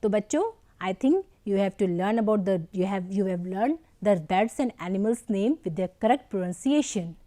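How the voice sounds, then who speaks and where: A woman teacher, giving a slow English lesson to young children, spelling out words and praising often. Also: mid-range voice, animated, dark tone. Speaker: primary school English teacher.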